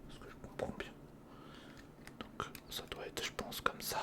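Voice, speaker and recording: A man with a sharp tone and slightly slow pace gives whispered ASMR commentary on a build. As the host, he murmurs to himself while working out steps and addresses the viewer in a chummy way.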